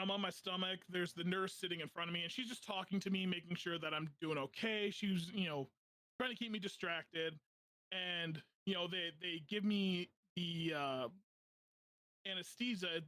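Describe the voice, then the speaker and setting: Young male podcaster, high pitch, animated storyteller, dead-dry mic. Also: no echo. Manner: animated, laughing while telling a story. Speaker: podcast host. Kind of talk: casual storytelling.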